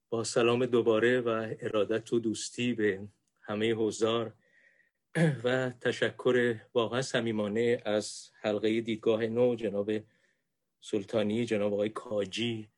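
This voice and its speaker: A man in his sixties, a guest lecturer, opening his talk with courteous, formal thanks to his hosts. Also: on the low side.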